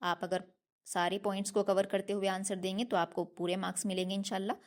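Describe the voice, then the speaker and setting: A woman's voice: medium pitch, flat delivery, fast talker. Woman, recitation teacher, patient, step-by-step explanations, repeats each word three times. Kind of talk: online tajweed lesson.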